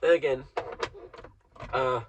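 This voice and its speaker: A man's voice: mid-range voice, steady tone, takes it slowly, a little hiss or hum. A man from Germany talking to himself in a rambling, wry, self-mocking solo monologue. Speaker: solo vlogger. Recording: dull, dry close recording.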